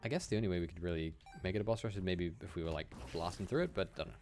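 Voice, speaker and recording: Faint music sits behind a deep, darkish male voice firing off words rapidly. He's a young Welsh game streamer with a general British accent, casually commenting on his gameplay from a room at home and frequently laughing with his audience.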